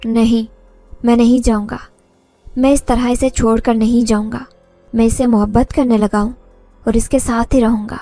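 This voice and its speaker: A woman's voice: a little high, little pitch movement, long pauses, dark tone, faint music behind, close to an everyday voice. A woman voicing an obsessive male jinn who speaks through a possessed girl, in a heavy, defiant voice.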